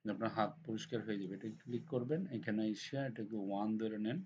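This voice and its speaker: A hoarse man with a cold walks through a design software tutorial step by step, often checking that the viewer is following. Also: lowish voice, fairly even intonation, quick pace. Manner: step-by-step instructions with frequent checks like "ঠিক আছে?". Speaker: computer design instructor. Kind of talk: screen-recorded software tutorial. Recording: dull lo-fi recording with faint noise.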